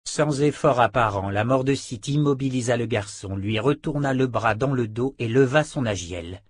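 A man narrating a fantasy novel as an audiobook in an even, unhurried storytelling manner. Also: medium pitch, breathy edge, no room sound, studio quality.

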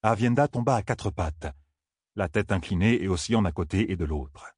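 A man reading a fantasy audiobook in a steady, grave, measured way. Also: deep voice, husky, no echo, clean studio sound. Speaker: audiobook narrator. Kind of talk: scripted fantasy narration.

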